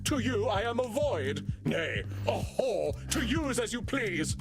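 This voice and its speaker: Hammy, swooping vampire stage actor. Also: male voice, sits high, very animated, takes it slowly, heavily acted. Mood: indignant, aggrieved. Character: vain, wounded undead male vampire thespian, melodramatic. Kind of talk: theatrical video game character acting. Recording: music behind the voice.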